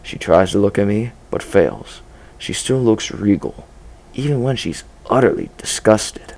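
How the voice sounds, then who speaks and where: A man reads a dark first-person story aloud. His low voice has a gravelly edge, and he narrates in a measured, low-key way. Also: animated, a little hiss or hum. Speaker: story reader.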